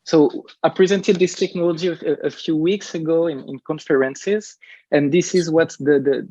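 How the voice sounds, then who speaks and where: A man's voice: mid-range voice, dark tone, no echo, dull audio. A man with a French accent presenting his research at a conference, hesitant with many fillers and repeated words.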